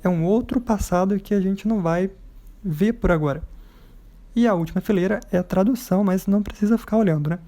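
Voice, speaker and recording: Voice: mid-range voice, a little fast, mellow. An English teacher with a Brazilian Portuguese accent, patiently correcting exercises step by step and checking in with students as they go. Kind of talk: recorded lesson, correcting exercises.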